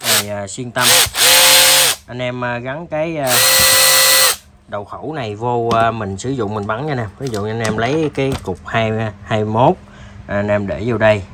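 A man with a southern Vietnamese accent giving a casual, halting sales demo, addressing viewers informally like buddies. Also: medium pitch, very noisy. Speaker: tool seller presenting products.

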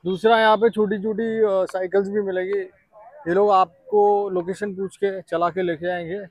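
एक युवा पुरुष ट्रैवल व्लॉगर, बाहर पर्यटन पार्क में कैमरे से बोलते हुए, उत्साह से बातें करता है और हिंदी में अंग्रेज़ी शब्द मिलाता है।. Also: male voice, high-pitched, normal speed, dry recording, lo-fi sound. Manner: chatty, excited, mixes English into Hindi. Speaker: travel vlogger. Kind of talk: casual travel vlog.

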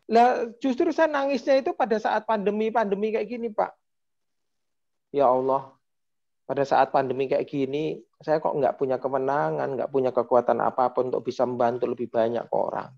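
A man's voice: mid-range voice, normal speed, creaky. A man, telling a story with feeling on a panel talk. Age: 40s. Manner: emotional, animated storytelling with acted quotes. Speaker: panel speaker, former regent. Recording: dull lo-fi sound.

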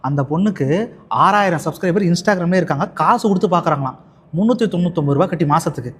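A man's voice: high voice, fast talker. A man in a casual chat, explaining a bit of gossip and waving it off dismissively.

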